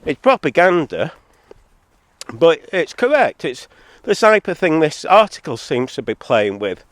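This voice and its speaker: A Zambia-born man living in England, stuffed up with a head cold, rambles and argues through a solo vlog monologue full of sardonic asides. His voice is sing-song and measured, with no echo. Recorded too hot on a phone or camera, the audio distorts and clips.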